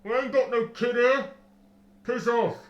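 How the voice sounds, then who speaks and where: A man's voice: very high-pitched, fairly even intonation, measured pace, echoey room, pitched above the performer's own voice. A man voicing a rude, dismissive male castle guard whose voice comes muffled through a wall from an arrow slit. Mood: dismissive yelling. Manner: shouting. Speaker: game master.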